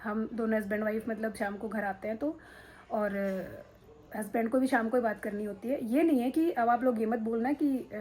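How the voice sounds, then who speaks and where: Talking into a handheld phone in the drawing room at home, a middle-aged woman vlogs in a frank, rambling style packed with fillers. She has a fairly high, darkish voice, and the audio quality is poor.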